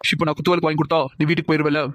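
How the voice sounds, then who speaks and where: A man's voice: a little high, completely flat delivery, rapid-fire, fairly bright tone, no echo, lightly acted. A man voicing a cocky, teasing young man in a cartoon. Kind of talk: cartoon voice acting.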